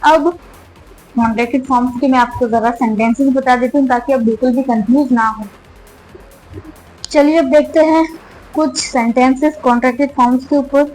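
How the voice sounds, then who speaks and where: A woman teaches English grammar in a loose, chatty way, catching and fixing her own slips as she goes. Her voice sits high, and she slows right down to spell out example words. Soft music plays faintly underneath. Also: fairly even intonation, low-quality recording. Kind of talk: casual classroom explanation.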